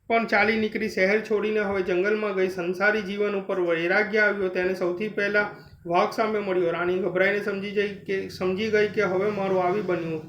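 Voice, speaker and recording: Man telling a devotional story, steady and earnest, high voice, echoey dull sound. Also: a little hiss or hum. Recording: roomy, slightly dull recording.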